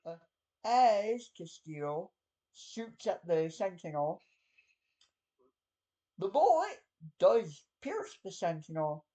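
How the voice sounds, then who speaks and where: A man's voice: high-pitched, very animated, takes it slowly, pauses often, dark tone, highs cut off. A man narrating a tabletop game as game master in a loose, conversational way with frequent fillers.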